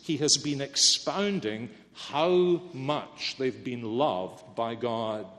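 A man's voice: medium pitch, fairly bright tone. A man preaching a sermon earnestly and emphatically, often asking rhetorical questions. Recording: long reverb in a hall.

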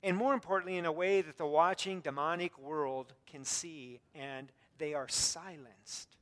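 In an unhurried, fairly bright voice he jokingly calls squeaky, a pastor gives an earnest sermon laced with mild self-deprecating humor, often restarting and using fillers. Long hall reverb colors the recording.

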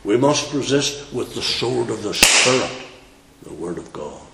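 A man preaches slowly and deliberately, his voice swelling into fiery, emphatic outbursts. He sits at a middle pitch, and the church room around him gives off a clear echo. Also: sing-song, heavy background noise. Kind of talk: sermon.

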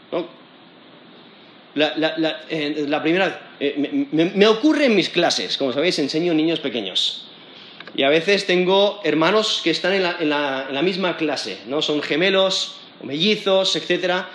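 A man's voice: a little high, a bit bright. Spanish-accented male preacher in an echoey room. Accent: Spain Spanish. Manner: conversational, frequent restarts and tag questions. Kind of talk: expository sermon.

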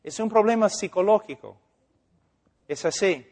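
A man's voice: high-pitched, animated, measured pace, darkish tone. A male preacher. He is an English speaker, so his phrasing halts and corrects itself. He often checks that his listeners understand. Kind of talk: informal teaching sermon.

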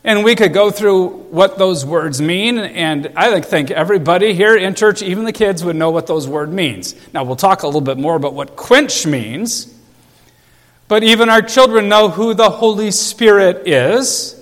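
A man's voice: high voice, moderate pace. Emphatic male pastor in reverberant church. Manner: emphatic preaching, repeats phrases for stress. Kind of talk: sermon.

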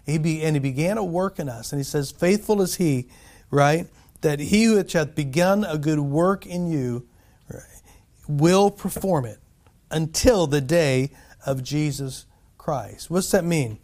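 Male pastor, slightly higher voice, casual preaching with quick chuckles and check-ins. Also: darkish tone. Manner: conversational preaching, frequent "right?" asides and chuckles. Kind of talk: sermon.

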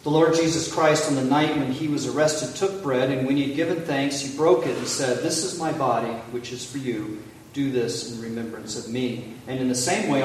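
A male pastor leading a communion liturgy with measured, solemn prayer, heard with heavy cathedral-like echo in a large church. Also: mid-range voice. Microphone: far from the mic. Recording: echoey hall from far off, faint hiss.

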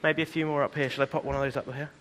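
A man's voice: a little high, little pitch movement, racing, fairly bright tone. A man preaching an interactive children's talk in church, speaking directly to the children in an encouraging, questioning manner.

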